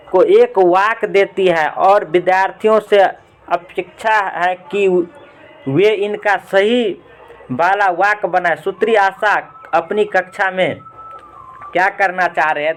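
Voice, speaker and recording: Man with a high voice, teacher, reading exam questions aloud, calling out the right option, repeating each answer. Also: fairly bright tone.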